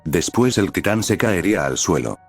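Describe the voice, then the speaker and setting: A man reads a fan story aloud in a low, plain, even voice. Soft music plays faintly under his narration. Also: normal speed, vocal fry, husky. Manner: plain, even reading with speaker tags. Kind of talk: reading a fan fiction aloud.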